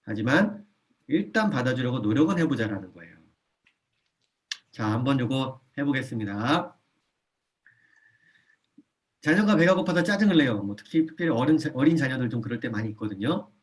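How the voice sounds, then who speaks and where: A man with a mid-range voice gives an animated parenting lecture in a church. He checks in with his listeners and repeats his key points so they stick. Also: mid-range voice, normal speed, long pauses. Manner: animated, often acts out a parent's lines in a soft voice. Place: church hall.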